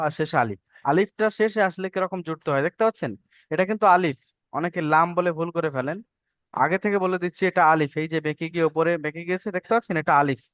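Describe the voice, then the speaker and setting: A patient man with a Bengali accent teaches Arabic letter forms to an online class, going slowly, repeating himself and often asking whether everyone is following. His high voice rings clear and a bit bright. The recording is close and dry, with no echo.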